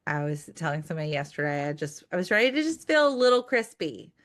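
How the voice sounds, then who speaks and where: A woman's voice: sits low, very animated, fast. A woman co-hosting a podcast in casual chat, upbeat and enthusiastic, often agreeing with her co-host.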